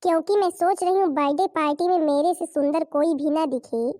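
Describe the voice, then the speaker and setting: A woman playing a vain, fashion-mad old mother-in-law in a cartoon, showy and pleased with herself. The voice is high and recorded dry. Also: brisk, mellow, no room sound, natural voice.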